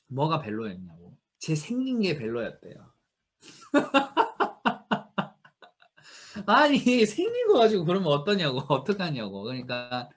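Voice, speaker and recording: A man with a non-native accent giving a motivational seminar talk, telling stories and acting out what people said. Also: high-pitched. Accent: non-native Korean. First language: not Korean. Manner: lively storytelling, acting out quotes, frequent laughs and "맞죠?". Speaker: motivational speaker.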